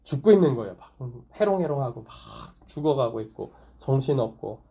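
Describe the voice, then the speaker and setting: Male pastor, conversational sermon, slightly high and mellow voice. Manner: conversational preaching, asks the congregation questions, light laughs. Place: small church or online worship service.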